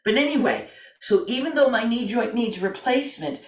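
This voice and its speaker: A woman in her late sixties, a fitness and yoga instructor, gently talking a class through exercises from the floor at home, chatty and self-deprecating. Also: a little high, animated, moderate pace. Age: 60s. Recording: roomy, distant, slightly dull home video.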